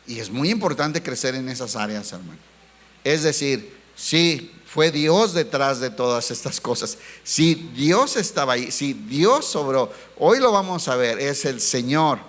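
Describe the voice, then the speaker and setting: A pastor with a medium-pitched, slightly bright voice preaches to his congregation, whom he calls brothers. He asks rhetorical questions and slows his delivery to stress key words.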